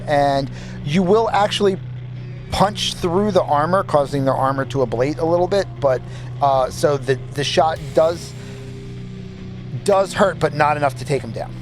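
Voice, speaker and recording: Male game master, fairly high voice, patient rules explainer, laid-back tabletop narration. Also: a little slow, soft background music. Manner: relaxed, explains rulings patiently.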